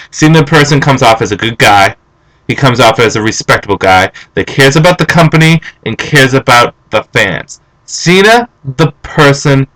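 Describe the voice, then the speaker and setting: A young man vlogging, ranting and telling stories in an animated, opinionated way. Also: mid-range voice, rough recording. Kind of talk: casual opinion rant.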